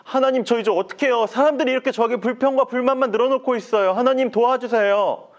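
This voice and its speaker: A man's voice: extremely high pitch, fast, highs cut off, voice pushed up. A man voicing the prophet Moses as an anxious, whiny adult man in a children's Bible story. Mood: pleading. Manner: whiny, fretful pleading.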